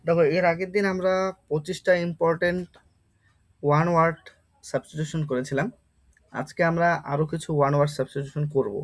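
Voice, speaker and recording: A man teaching an exam-prep vocabulary lesson, explaining patiently and repeating each word slowly to drill its pronunciation. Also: fairly high pitch, fairly even intonation.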